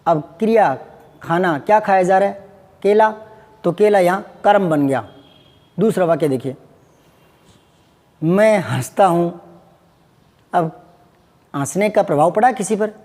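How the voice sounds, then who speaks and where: High-voiced male teacher in a reverberant space. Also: moderate pace, pauses often, darkish tone. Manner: patient, repeats examples and asks the class questions. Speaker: Hindi grammar teacher. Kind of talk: classroom lesson.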